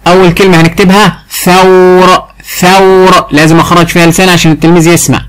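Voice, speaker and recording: An Egyptian-accented man runs a phonics lesson, drawing out each syllable slowly so it can be heard clearly. His voice sits a bit high for a man, and a faint hiss runs under the recording. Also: fairly even intonation, a bit bright, rough recording. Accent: Egyptian Arabic. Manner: drawn-out, exaggerated syllable sounding. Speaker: teacher.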